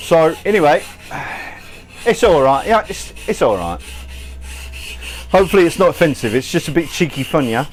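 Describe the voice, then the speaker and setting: A man's voice: on the high side, sing-song, normal speed, pauses often. An American man hosting a casual cooking livestream, chatty and joking as he answers viewers while he works in his kitchen. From United States. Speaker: cooking show host.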